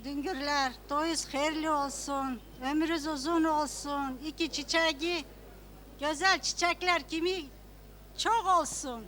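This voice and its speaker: Woman, very high voice, sharp bright tone, wedding guest blessings, faint noisy ambience. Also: fairly even intonation, measured pace. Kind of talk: short congratulatory blessings.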